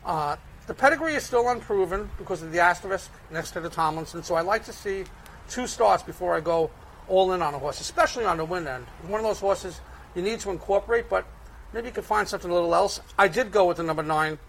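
A man's voice: sits high, lively intonation, fast talker, creaky, a bit bright, slight background noise, poor audio. A man with a Brooklyn accent giving conversational horse racing analysis and picks as a handicapper. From Brooklyn, United States.

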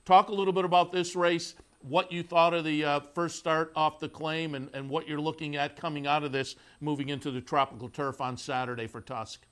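A man hosting a horse racing show, interviewing a guest in a relaxed, conversational way with frequent fillers. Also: fairly high pitch, brisk, hardly any pauses, clean tone. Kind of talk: broadcast interview. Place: studio in the Saratoga area.

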